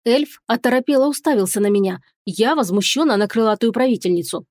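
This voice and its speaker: A woman narrating a first-person fantasy audiobook in an even, steady storytelling manner. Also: fairly high pitch, quick pace, no room sound, clean studio sound.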